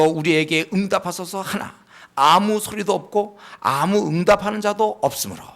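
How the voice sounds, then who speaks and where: Gravelly, animated pastor preaching. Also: male voice, a little high. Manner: acts out scolding himself in a raised voice; repeats "예" and "여러분" often, addressing the congregation. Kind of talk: sermon.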